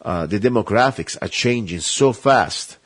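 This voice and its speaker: A man's voice: fairly low pitch, expressive, measured pace, a bit bright, no echo. A man hosting a talk radio show, delivering an emphatic, rambling, impassioned monologue.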